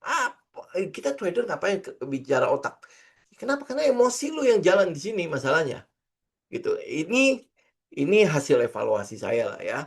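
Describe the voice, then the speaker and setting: A man's voice: a little high, very animated, moderate pace, slightly rough. A middle-aged man, teaching trading in a casual screen-share lesson, chatty and full of fillers and rhetorical questions. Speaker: trading instructor.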